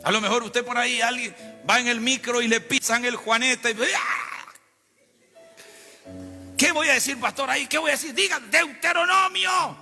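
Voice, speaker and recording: A man preaches in a very high, piercingly bright voice, drawing the congregation in with questions and calls to answer. His voice rings through the long reverb of a church hall, with faint music underneath. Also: steady tone, fast. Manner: call-and-response preaching to congregation. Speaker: pastor. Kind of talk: sermon. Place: church sanctuary.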